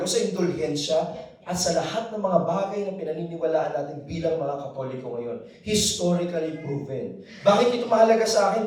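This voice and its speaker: Animated Filipino man testifying in an echoey hall. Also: high voice. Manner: animated, switching between Tagalog and English, prompting the crowd to answer. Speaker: faith talk speaker. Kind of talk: personal testimony to a live audience. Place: large hall with a live audience. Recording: very echoey hall, voice from a distant mic.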